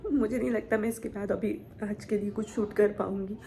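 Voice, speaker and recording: A young woman vlogger talking quietly to her camera in a subdued, reflective way. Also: mid-range voice, little pitch movement, fairly quick, slight background noise. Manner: subdued, soft-spoken and reflective. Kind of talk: personal vlog talk to camera.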